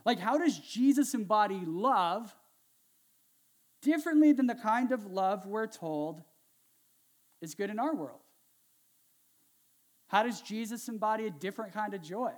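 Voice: medium pitch, animated, measured pace, pauses often. A pastor giving a casual, conversational sermon, asking the congregation questions and adding sarcastic, self-mocking asides.

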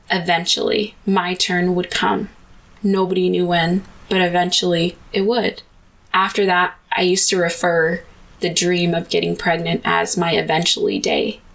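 A woman speaks in a slightly low voice with a strong creaky edge. She delivers a personal monologue as a podcast host, earnest and confessional as she tells her story. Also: a bit bright, rough recording.

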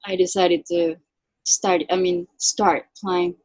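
A Japanese-born woman violinist with a Japanese accent, a native Japanese speaker, chatting in an interview with a soft, halting delivery full of fillers. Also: fairly low pitch, flat delivery, dry recording, poor audio. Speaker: guest violinist. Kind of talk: casual interview chat.

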